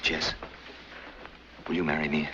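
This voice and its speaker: A man's voice: very deep voice, completely flat delivery, a little slow, sharp tone, slight background noise, full character voice. An actor playing an exasperated, scheming American newspaperman in 1940s screwball comedy banter, on a muffled old film soundtrack. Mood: pleading, aggrieved. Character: exasperated, fast-talking newspaperman, indignant and scheming.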